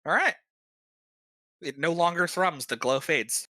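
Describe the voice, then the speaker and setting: A game master narrating a tabletop game in a relaxed way, with many filler sounds. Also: medium pitch, measured pace, no echo.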